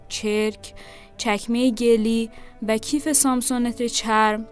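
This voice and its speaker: A woman with a fairly high voice reads a literary story aloud, calm and even. Soft music plays quietly underneath her narration.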